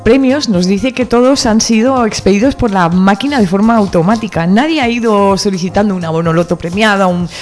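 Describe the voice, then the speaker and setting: A woman hosting a local radio show, reading the news in a brisk newsreader style and chatting with her co-host. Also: medium pitch, a little mellow. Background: music bed.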